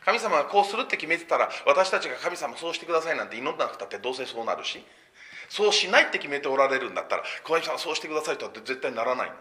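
A man preaching a sermon. He explains the text step by step and asks and answers his own questions. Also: very fast. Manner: expressive preaching with sweeping pitch and emphatic phrases. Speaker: pastor.

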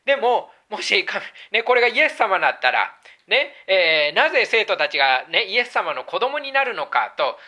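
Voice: medium pitch, sing-song, moderate pace, hardly any pauses, sharp tone. A preacher giving a sermon, explaining Bible verses in an earnest teaching tone with frequent hesitant fillers and self-corrections.

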